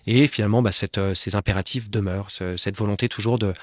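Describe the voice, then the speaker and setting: Fast-talking low-voiced man, hesitant. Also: steady tone, dry recording, studio quality. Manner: hesitant, many fillers and restarts. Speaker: podcast guest, watch specialist. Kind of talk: casual conversation.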